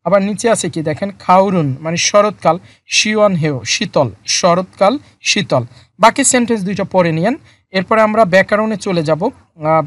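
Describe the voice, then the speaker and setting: Slow, methodical language teacher. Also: mid-range voice, no room sound. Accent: Bangladeshi Bengali. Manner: slow word-by-word explanation with repeated terms and frequent fillers. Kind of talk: lesson explaining vocabulary and grammar.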